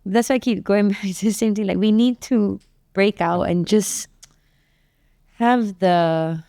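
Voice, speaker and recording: A woman's voice: mid-range voice, a little slow, no echo, clean studio sound. A woman who grew up in Malaysia, a guest in a casual panel chat, telling stories chattily and acting out the exchanges she quotes. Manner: chatty, animated storyteller, acts out quoted exchanges. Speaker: guest, youth entrepreneurship advocate.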